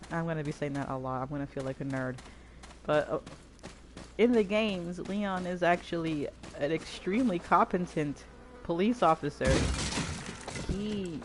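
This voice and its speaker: A woman's voice: fairly low pitch, a little hiss or hum. A woman giving scattered, self-deprecating commentary while playing a game. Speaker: gamer reviewing a film. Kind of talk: casual rambling commentary.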